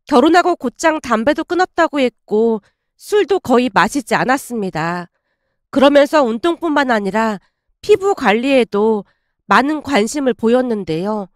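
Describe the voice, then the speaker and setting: Female storyteller, scripted first-person narration; high voice, dry close recording. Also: animated, moderate pace, dry recording.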